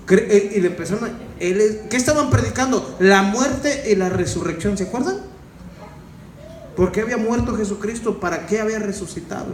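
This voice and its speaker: Chatty high-voiced man preaching in an echoey room. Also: a little mellow, distant mic. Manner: conversational, asks the listeners questions often. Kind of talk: informal Bible-study sermon. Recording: roomy echo with faint background noise.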